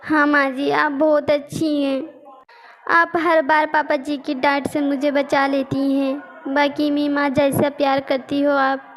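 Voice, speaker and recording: A woman's voice: high voice, flat delivery, a little slow, faint music behind. A woman voicing a young scheming daughter-in-law in a cartoon story, pleading and whiny. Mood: grateful.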